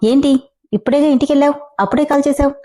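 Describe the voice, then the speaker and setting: A woman's voice: high voice, racing, dark tone, pitched above the performer's own voice, lightly acted. Woman reading as a stern, scolding father. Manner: gruff, scolding. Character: stern middle-aged father, quick to anger.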